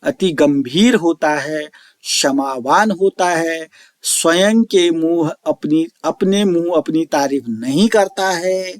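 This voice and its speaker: Guy teaching an online class real slow, repeats every word he explains, dry close mic. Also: fairly high pitch, no echo. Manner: slow, repeats and explains each term, recites verse lines drawn out. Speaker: Sanskrit teacher. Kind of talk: online lecture explaining verses.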